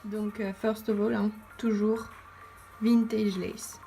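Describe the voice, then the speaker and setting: A woman's voice: mid-range voice, flat delivery, slow, vocal fry, over loud music. A woman giving a casual makeup tutorial as a beauty vlogger, chatty and thinking aloud with lots of fillers.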